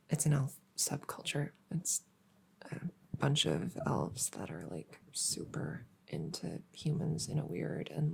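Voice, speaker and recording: A woman playing a nerdy, friendly elf girl in a soft, whispered ear cleaning ASMR role-play, rambling hesitantly and soothingly. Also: deep voice, heavily acted. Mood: awkward, curious. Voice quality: breathy, soft. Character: nerdy, friendly, awkward young female elf cleaning ears.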